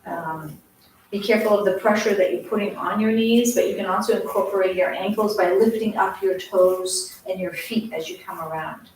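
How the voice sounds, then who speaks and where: A woman's voice: mid-range voice, normal speed, darkish tone. Woman, Maine accent, easygoing workout instructor, chatty and encouraging, very echoey, far from the mic. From Maine, USA. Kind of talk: casual exercise class instruction. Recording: very echoey, distant mic, faint noise.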